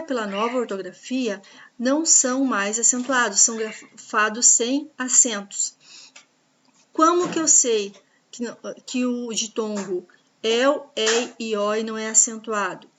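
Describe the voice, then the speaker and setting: A woman teaching a grammar lesson, patiently explaining rules and spelling out examples slowly. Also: a little high, a bit bright, a little hiss or hum. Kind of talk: grammar lesson over slides.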